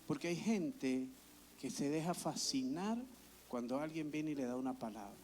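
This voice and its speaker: A man, a pastor, preaching a sermon in an animated, storytelling way. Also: fairly high pitch, moderate pace, faint music behind. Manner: animated storytelling with acted-out quotes.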